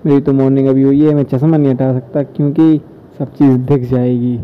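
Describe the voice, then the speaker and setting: A man's voice: medium pitch, little pitch movement, brisk, slight background noise. A young man vlogging his day in loose, rambling chatter with local dialect words. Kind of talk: casual vlog narration. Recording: slightly dull lo-fi phone audio.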